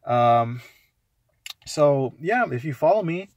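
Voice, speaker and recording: A young man rambles through a casual vlog review, swearing freely and leaning on "like" as he tells his story. His voice sits at an ordinary middle pitch, and the recording is dry and close, with no room sound around it. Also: slow, dry recording. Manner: rambling, profane, animated storytelling with lots of "like". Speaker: movie reviewer vlogger.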